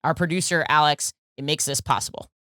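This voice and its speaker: A woman co-hosting a comedy podcast, quick and teasing, bluntly joking with her co-hosts. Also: low voice, steady tone, background noise. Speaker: podcast co-host. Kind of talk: casual comedy chat.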